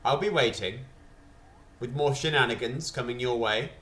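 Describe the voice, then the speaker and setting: A man's voice: medium pitch, moderate pace, pushed and bright. A male streamer chatting playfully on a gaming livestream at a desk microphone, joking between game choices. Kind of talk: casual livestream commentary. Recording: roomy echo.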